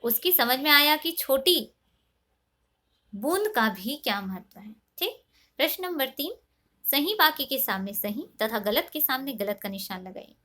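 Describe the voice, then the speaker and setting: Woman teacher doing a kids lesson, high bright voice, asks then answers herself, patient, mixes in english words. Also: sing-song, measured pace. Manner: patient, asks and answers her own questions. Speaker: primary school teacher. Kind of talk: online class lesson.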